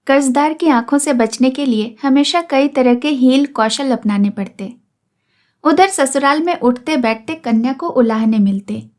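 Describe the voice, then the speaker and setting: A woman storyteller reading a classic story aloud in a steady, measured narration. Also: high voice.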